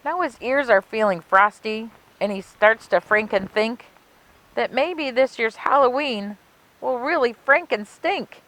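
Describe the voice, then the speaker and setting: With a voice on the high side, a woman hosting library story time reads a children's picture book aloud in an expressive, deliberate storytelling style. The audio is poor.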